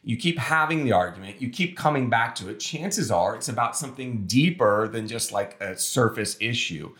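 A man with a lively, wide-ranging voice co-hosts a relaxed podcast conversation, telling stories with animated energy. His voice sits in a noticeably roomy echo. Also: medium pitch, moderate pace. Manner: animated storytelling, acting out voices in quotes. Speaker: podcast co-host.

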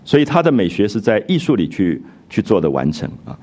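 Low-voiced man lecturing with lively intonation. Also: brisk. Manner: reflective, expressive storytelling. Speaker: literature lecturer. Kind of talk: lecture on a classic novel.

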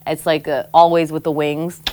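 A woman from Samoa with a notably low speaking voice tells personal stories as a podcast guest. She is candid and animated, laughs easily and drops casual swears without hesitation. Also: normal speed, slight background noise. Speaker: guest, former show host. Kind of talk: candid conversational storytelling.

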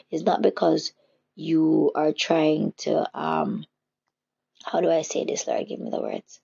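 A woman's voice: sits low, vocal fry, a little mellow, breathy edge. A woman giving a casual spiritual teaching, reflective and searching for her words as she goes. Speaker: faith teacher. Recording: dull lo-fi recording.

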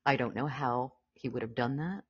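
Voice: medium pitch, normal speed, husky. A podcast co-host casually discussing a classic film, often quoting lines and laughing. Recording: dull lo-fi audio.

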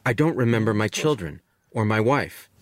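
A man giving a translated voice-over in an even, plain delivery. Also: fairly low pitch, moderate pace, no echo. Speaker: interpreter voice-over.

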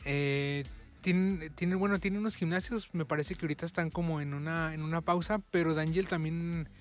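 Laid-back Mexican man, higher voice. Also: soft background music. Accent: Mexican Spanish. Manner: relaxed, halting, many fillers. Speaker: interviewer. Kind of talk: casual conversation.

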